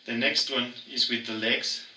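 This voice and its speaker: A man giving an instructional demonstration, explaining step by step in a halting way with repeated words. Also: medium pitch, fairly even intonation, very noisy. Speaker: instructor demonstrating body percussion sounds. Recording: echoey room.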